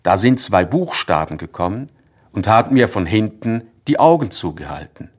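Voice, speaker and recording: Male storyteller for a children's audiobook, very lively melodic reading, playful and expressive. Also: fairly low pitch, moderate pace, slightly rough.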